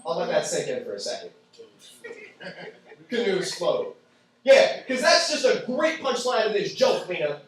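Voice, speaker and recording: A man's voice: sits high, wildly swooping pitch, brisk, fairly bright tone. A young man doing a stand-up comedy set in a club, telling crude, sarcastic stories. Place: club with audience. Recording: echoey room from far off.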